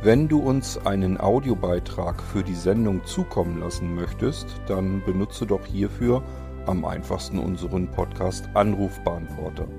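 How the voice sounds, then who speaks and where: A man's voice: low voice, normal speed, gravelly. A man reading the closing announcement of an audio production in a plain, informative manner. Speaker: podcast announcer. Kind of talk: scripted outro. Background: music.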